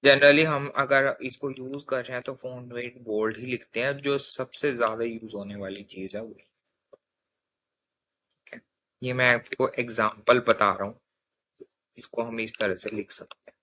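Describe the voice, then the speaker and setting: A young man speaks at normal speed with a steady, pushed, bright medium-pitched voice, pausing often as he teaches coding. He talks casually, works through each step, and checks in with his listeners using "theek hai."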